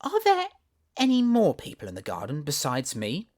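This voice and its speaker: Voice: medium pitch, wildly swooping pitch, normal speed, pitched above the performer's own voice. A reader doing a timid, polite little girl. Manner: soft, timid, questioning.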